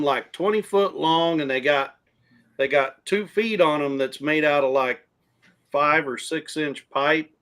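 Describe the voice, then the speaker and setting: A man's voice: on the high side, a bit bright. A man with a Texan accent, a rancher guest in a casual stream chat, explaining at length in country grammar.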